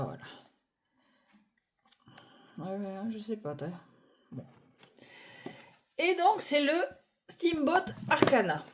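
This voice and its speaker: A woman reviewing tarot decks in a casual, hesitant chat, often pausing with fillers and laughing at her own clumsiness, recorded on a phone on a stand at home. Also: a little high, a little mellow. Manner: chatty, hesitant, self-deprecating, many fillers.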